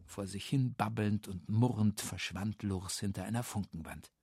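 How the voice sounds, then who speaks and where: A man narrating a children's storybook in a lively, expressive way. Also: fairly low pitch, normal speed, a little hiss or hum. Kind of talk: storybook reading.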